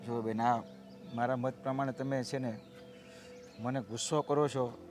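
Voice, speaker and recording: A middle-aged actor playing a humble father who pleads earnestly and tries to calm others. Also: medium pitch, measured pace, music in the background, close to an everyday voice. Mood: pleading. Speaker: actor in a family drama.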